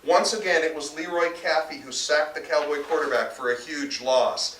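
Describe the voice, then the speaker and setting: At an indoor bookstore reading event, an American author narrates his novel live in a slightly high voice at normal speed. The recording is roomy and distant, with faint noise.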